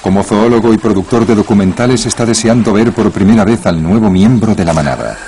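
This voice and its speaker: A man's voice: lowish voice, a little fast, background noise. A man reading scripted narration for a nature documentary. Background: music bed.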